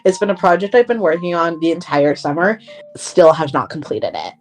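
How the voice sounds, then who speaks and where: A woman's voice: lowish voice, very animated, a little fast. A young woman co-hosting a podcast, chatting casually with lots of fillers and laughs. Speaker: podcast co-host. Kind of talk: casual chat.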